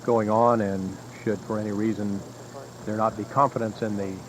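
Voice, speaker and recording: A man with a fairly low voice delivers formal, measured countdown commentary. The broadcast sounds archival, with clear background noise. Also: little pitch movement. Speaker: launch commentator. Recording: noisy archival broadcast audio.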